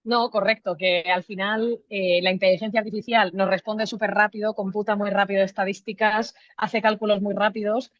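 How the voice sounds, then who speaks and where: A woman co-host adds her thoughts in a live stream, talking conversationally with hesitant fillers. Her voice is mid-pitched and comes through dull and lo-fi, dry and close. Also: little pitch movement, normal speed, hardly any pauses, no echo.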